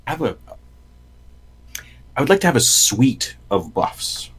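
A man's voice: mid-range voice, big pitch swings, takes it slowly, fairly bright tone, slightly rough. A man co-hosting a podcast in casual chat, joking and playful. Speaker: podcast co-host.

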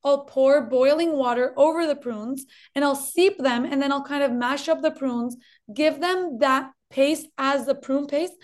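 This dietitian guest, a Colombian woman in her thirties, speaks a little slowly in a high voice with a slight Colombian Spanish accent. In a friendly, explanatory interview style, she repeats things for emphasis.

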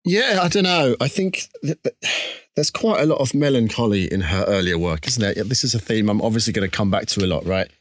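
A man with an Essex accent speaks in a fairly deep voice, as if chatting in an interview. He is candid and self-deprecating, thinking aloud as he goes. The sound is very dry, with no room to it. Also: lively intonation, fairly quick, no echo. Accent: Essex English. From Essex, England. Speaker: interview guest, musician. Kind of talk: casual reflective interview chat.

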